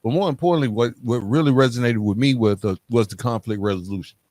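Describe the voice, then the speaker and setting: A podcast host interviews his guest conversationally, echoing and restating what the guest has said before asking more. His voice is medium-pitched and a little mellow, and he talks fast.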